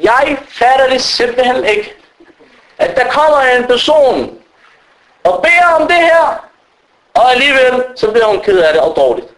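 High-voiced man preaching a lively sermon. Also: low-quality recording. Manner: animated storytelling that acts out quoted people.

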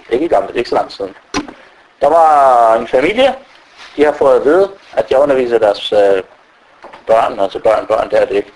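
An Islamic preacher gives an informal religious talk, telling stories in an animated way and acting out the voices of the people he quotes. His voice has a medium pitch, and the low-quality recording carries slight background noise.

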